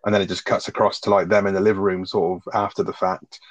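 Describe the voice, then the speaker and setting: Fast-talking man with a deep voice. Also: dry recording. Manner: animated, opinionated, swears freely. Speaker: podcast co-host. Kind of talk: casual recap chat. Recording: dull, dry sound.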